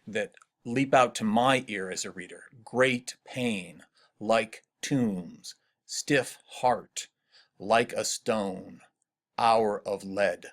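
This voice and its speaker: A middle-aged man talks through a poem for his class in a recorded lecture. His voice sits at a middle pitch, and he keeps putting open questions to his students. When he quotes the poem, he slows to a careful, deliberate reading. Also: a bit bright. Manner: thoughtful, asks questions, slows to read poem lines aloud. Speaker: literature teacher.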